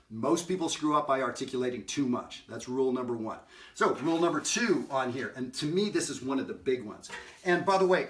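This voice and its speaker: A man's voice: mid-range voice, fairly bright tone, distant mic. A middle-aged man giving a casual jazz lesson, talking conversationally, singing note examples and often asking "right?". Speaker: jazz educator. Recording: roomy sound from off-mic.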